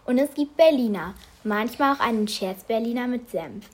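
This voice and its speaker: A woman's voice: a little high, lively intonation, moderate pace. A young school radio presenter cheerfully explaining a topic from her script.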